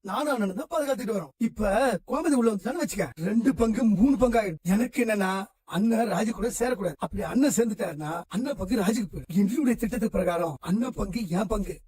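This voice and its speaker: An actor playing a scheming, greedy middle-aged uncle in a television drama, talking in a low conspiratorial tone. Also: male voice, lively intonation, fast, dark tone, slightly rough, no echo.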